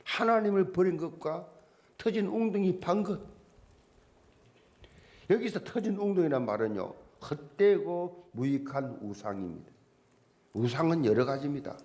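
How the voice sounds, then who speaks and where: Male preacher, slightly high voice with an animated swinging delivery, leans hard on rhetorical questions. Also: moderate pace, pauses often. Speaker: pastor. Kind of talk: sermon.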